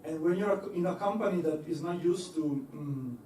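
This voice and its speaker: A young male engineer presents to a lecture-hall audience in a mellow, fairly high voice at a moderate pace. Hesitant and easily amused, he leans on fillers and restarts. A little hiss or hum sits under the far-off, echoey sound.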